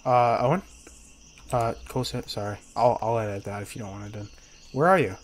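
A man's voice: medium pitch, brisk, slight background noise. A man chatting casually as a co-player during a video game. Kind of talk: casual gaming chat.

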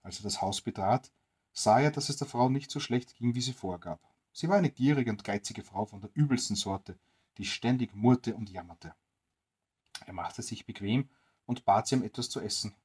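A storyteller reading a bedtime story aloud to children, in a gentle, expressive way. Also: mid-range voice, moderate pace, breathy edge.

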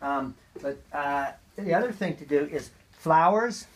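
A man's voice: fairly high pitch, expressive, measured pace. A man giving a casual, hands-on gardening demonstration, talking in a chatty, folksy way with lots of ums and uhs. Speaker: gardening teacher.

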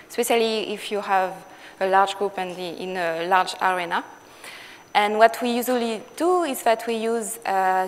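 Woman, French accent, conference talk, halting with fillers, echoey hall, faint background noise. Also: mid-range voice. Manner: halting, many fillers and restarts. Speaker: conference speaker. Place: lecture hall.

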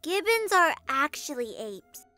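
A woman's voice: sits high, sing-song, measured pace, sharp tone, no room sound, faint music behind, exaggerated voice. A woman voicing a tiny, innocent, cheerful girl kitten with a childlike manner in a comic dub. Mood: curious. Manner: childlike, wide-eyed.

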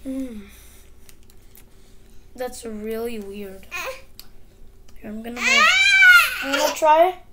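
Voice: medium pitch, sing-song, slow, long pauses. A child vlogger giving blunt verdicts on snacks while talking with a full mouth. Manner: blunt, plain-spoken verdicts on food. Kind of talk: casual snack taste-test vlog. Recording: noisy, with crinkling wrappers.

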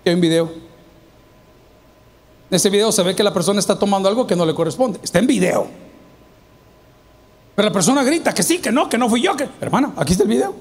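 Brief: Salvadoran man, pastor preaching a lively sermon in a church, very high voice, peppers the crowd with questions. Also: fast, pauses often. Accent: Salvadoran Spanish. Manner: animated preaching, acts out quoted voices, asks the congregation questions. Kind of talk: sermon to a congregation. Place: church hall.

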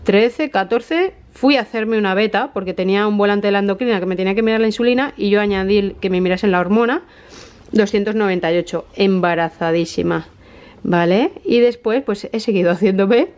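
A woman in her thirties with a Spain Spanish accent, chatting excitedly to camera in a casual vlog. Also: medium pitch, fast talker, clear, resonant tone, dull audio. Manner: chatty and excitable, often laughing. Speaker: vlogger.

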